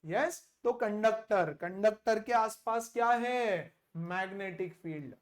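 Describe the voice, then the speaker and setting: A male teacher giving a classroom physics lesson, repeating key terms slowly and mixing in English, playful and acting out little imagined exchanges. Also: high voice.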